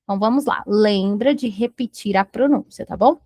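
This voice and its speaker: A Brazilian woman teaches English, moving between Portuguese explanations and slow, careful English examples. Her voice sits in an ordinary middle pitch. The recording is close and dry. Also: darkish tone, no room sound. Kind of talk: bilingual language lesson.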